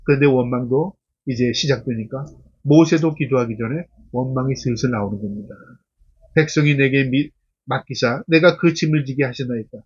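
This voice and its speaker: A man's voice: medium pitch, normal speed, husky, lo-fi sound. A middle-aged man, a pastor, preaching an earnest expository sermon, reading scripture aloud and then explaining it. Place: church.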